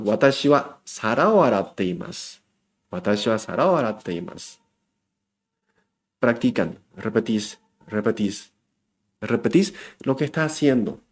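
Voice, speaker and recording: A man speaking gives a casual lesson. He swings from low, soft asides to bright, excited highs. He repeats key phrases for emphasis. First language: Japanese. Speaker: Japanese teacher.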